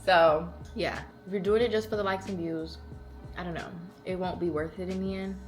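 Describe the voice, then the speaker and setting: A woman in her early twenties answering questions as a content creator in a casual, animated, slangy and playful way. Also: on the low side, normal speed, music in the background. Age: early 20s. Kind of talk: casual chatty Q&A.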